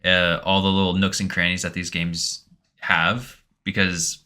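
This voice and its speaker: A man's voice: low voice, flat delivery, a little slow, sharp tone. A young man co-hosting a podcast, chatting casually and rambling, swearing now and then. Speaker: podcast co-host. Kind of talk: casual chat.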